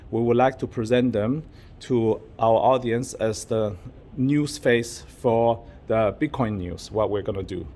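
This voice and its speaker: A man vlogs casually to camera as a YouTuber from a public venue with a view outside. His medium-pitched voice is warm and unhurried, and he rambles with fillers in a playful, mock-secretive manner.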